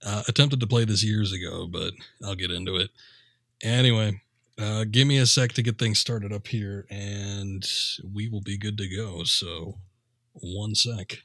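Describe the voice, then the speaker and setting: Casting: male game streamer, lowish voice, offhand and rambling, recorded close and dry. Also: fairly even intonation, a little slow, fairly bright tone, dry recording. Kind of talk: casual, rambling livestream chat.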